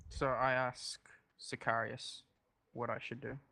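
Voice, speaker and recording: A man's voice: mid-range voice, little pitch movement, unhurried, creaky, very noisy. A man playing a tabletop game, talking bluntly and swearing casually. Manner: blunt, profane. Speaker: player.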